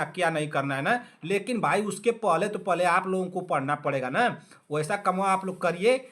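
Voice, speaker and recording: A man's voice: high voice, sharp tone. A man teaching an online exam class, scolding his students in a playful, sarcastic way and repeating himself, in with a tinge.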